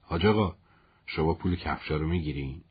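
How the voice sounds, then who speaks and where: Brief: man voicing a humble commander, gentle and teasing, low husky voice in a storybook. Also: muffled recording. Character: calm male war commander, teasing and humble.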